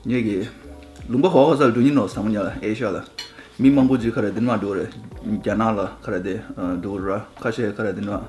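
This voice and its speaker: Low-pitched guy chatting easy, mixing in english words, laid back. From India. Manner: relaxed, mixes English words into Tibetan. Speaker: husband in a couple's vlog. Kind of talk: casual chat.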